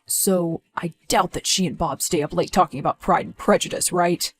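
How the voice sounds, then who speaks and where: Woman doing a calm, dry, inquisitive male partner. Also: lowish voice, normal speed, natural voice. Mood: curious. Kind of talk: scripted story dialogue.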